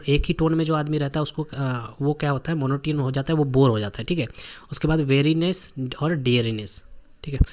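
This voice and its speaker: A man from India teaching a vocabulary lesson for exam students, repeating word lists and memory tricks with frequent check-ins. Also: mid-range voice.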